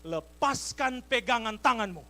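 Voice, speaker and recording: A male preacher speaking as God in a sermon story, gentle and calm, patiently repeating his commands. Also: very high voice, unhurried, voice pushed up, full character voice.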